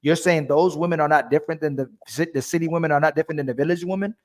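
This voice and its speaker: A livestream host from a Turkish family runs a call-in debate, hammering his caller with repeated questions. He talks very fast in a somewhat high, slightly mellow voice.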